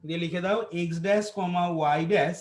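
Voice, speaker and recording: A man's voice: sits high, brisk. A male maths teacher with a Bengali accent, dictating solution steps to a class and repeating phrases for note-taking. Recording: echoey classroom.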